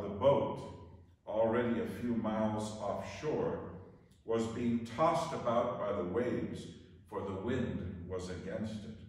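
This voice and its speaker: An older man, a priest, speaking solemnly and deliberately at Mass, his voice carrying a cathedral-like echo. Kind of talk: Gospel reading and homily at Mass. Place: inside a church, at a lectern. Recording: very echoey church, distant mic, low rumble.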